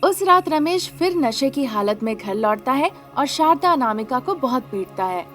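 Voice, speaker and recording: A woman narrating a cartoon story in a steady, matter-of-fact way. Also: sits high, moderate pace, soft background music.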